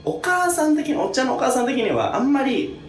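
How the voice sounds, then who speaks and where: Young male podcast co-host, animated storyteller, roomy sound with faint music behind. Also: extremely high pitch, quick pace. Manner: animated storyteller, acts out quotes, laughs often. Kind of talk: casual storytelling chat.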